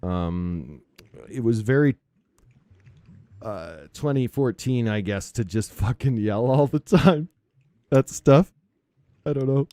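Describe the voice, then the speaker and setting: Relaxed man streaming, close mic. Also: mid-range voice, takes it slowly, long pauses, dry recording. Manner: rambling, relaxed, laughs often. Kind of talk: casual chat while gaming. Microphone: close studio mic on a boom arm.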